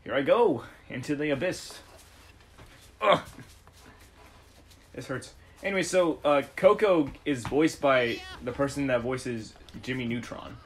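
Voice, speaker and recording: A man chatting excitedly while playing a racing game with friends, yelping when he loses. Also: medium pitch, measured pace, long pauses, slight background noise. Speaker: game player. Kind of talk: casual let's-play banter.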